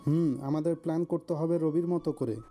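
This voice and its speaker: A man voicing a calm, cunning young gang leader in an audio story, giving orders in a low-key, matter-of-fact way. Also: fairly quick, faint music behind, natural voice.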